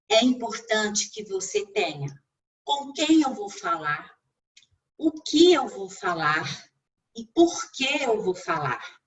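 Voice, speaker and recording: A woman's voice: fairly high pitch, recorded from a distance, low-quality recording. A speech therapist giving a didactic talk on a video call, with a Brazilian Portuguese accent, addressing her listeners directly. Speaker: speech therapist and communication mentor.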